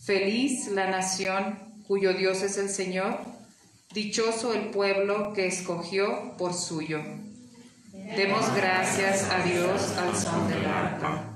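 Slow woman lector in cathedral echo. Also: medium pitch. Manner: measured, solemn reading. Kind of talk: reading a responsorial psalm. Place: large church. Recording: cathedral echo, distant mic, noise.

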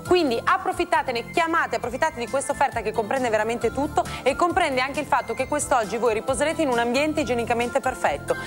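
A woman in her thirties co-hosting a TV infomercial, presenting the offer in a persuasive, emphatic way. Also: sits high. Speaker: TV shopping co-host. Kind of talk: infomercial sales pitch. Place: TV studio set. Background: faint background music.

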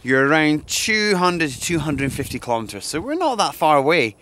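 A young man with a cold talks to camera on a windy hilltop in a fairly quick, sing-song voice that's on the high side and fairly bright. As a landscape photographer, he eagerly thinks aloud through his plans for the vlog. Wind noise comes through the hand-held camera mic, which shifts between close and far.

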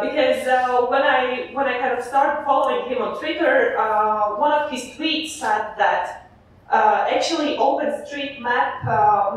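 A young woman from eastern Latvia with a Latvian accent gives a chatty, animated conference talk with frequent "uh" fillers. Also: on the high side. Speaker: conference speaker. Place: large lecture hall with audience. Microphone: far camera in the audience. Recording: echoey hall from far off.

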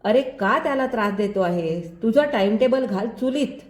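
A woman voicing an affectionate male friend who speaks gently, in a roomy recording. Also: on the high side, normal speed, natural voice. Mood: friendly. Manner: warm, gentle. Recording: roomy echo.

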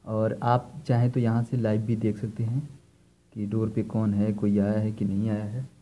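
A fairly low, dark voice speaks in a monotone at a moderate pace. The man, an electrician, gives an informal hands-on product demonstration indoors while filming equipment on the floor, going step by step and often repeating himself.

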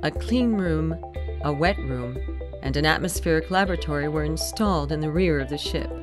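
Low-voiced woman narrating over music. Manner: measured, explanatory. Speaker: documentary narrator. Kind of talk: scripted narration.

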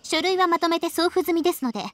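A woman's voice: very high voice, fast talker, a little hiss or hum. A woman playing a refined, proud teenage heiress in a Japanese visual novel game, speaking in formal, ladylike, polite phrases. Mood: hushed, polite.

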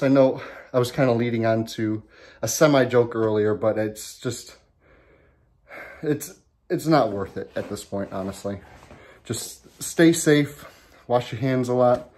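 A man's voice: mid-range voice, measured pace, pauses often, darkish tone. Casual rambling guy vlogging from his garage. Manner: rambling, lots of ums and restarts. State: out of breath. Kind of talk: casual vlog chat. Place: home garage. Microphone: handheld camera.

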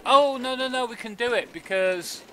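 With game audio running behind him, a man streams a video game indoors, murmuring casual, wry remarks as if partly to himself. He speaks at a moderate pace in a very high, fairly bright voice, and the recording carries a little hiss or hum.

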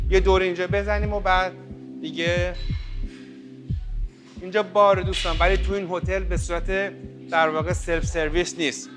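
A man giving a chatty walking tour of a hotel buffet restaurant, talking straight to his viewers with lots of fillers. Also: a little high. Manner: chatty, addresses viewers as friends, many fillers. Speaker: hotel review vlogger. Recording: background music under voice. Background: background music.

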